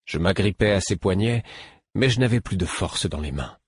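Deep, husky male audiobook narrator. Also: expressive, moderate pace, dry recording, studio quality. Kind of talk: first-person novel narration.

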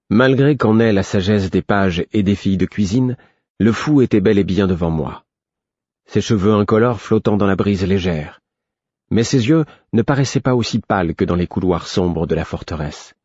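A man narrating a story in the first person, with measured, literary scripted storytelling. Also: fairly low pitch, darkish tone, husky, no room sound, muffled recording.

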